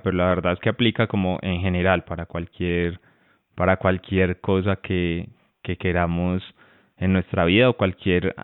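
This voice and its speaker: A man co-hosting a relationship advice talk, relaxed and often restarting his phrases. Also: low-pitched, smooth, dry recording. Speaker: co-host and relationship coach. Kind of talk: casual advice talk to viewers. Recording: tinny phone-like sound, dry.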